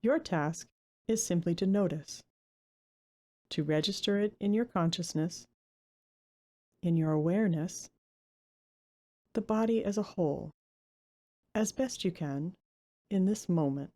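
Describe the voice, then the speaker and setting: Leading a meditation, a woman talks slowly and gently, letting long pauses fall between her words. The voice is lowish, with a very soft edge.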